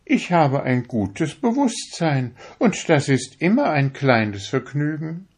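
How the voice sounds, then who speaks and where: A man voicing a vain, proud female darning needle in a fussy, high, self-important way. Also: sing-song, takes it slowly, breathy edge, exaggerated voice. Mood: haughty.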